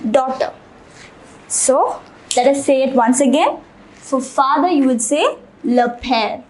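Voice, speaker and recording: A woman with a high, bright-pitched voice gives an unhurried language lesson. She speaks slowly and deliberately, repeating each word several times like a patient classroom teacher. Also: poor audio. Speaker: French teacher.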